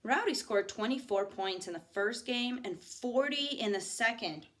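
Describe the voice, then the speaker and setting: Teacher lady reading a book aloud to her class, expressive, stops to chat with the kids. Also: a little high, normal speed. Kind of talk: reading a novel aloud to students.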